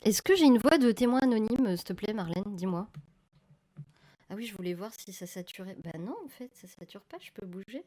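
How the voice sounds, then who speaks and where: Animated and fairly quick, a film photography streamer chats casually with her viewers while working, her medium-pitched voice dark in tone. She regularly corrects herself mid-sentence. The audio, captured by a desk mic, crackles a little.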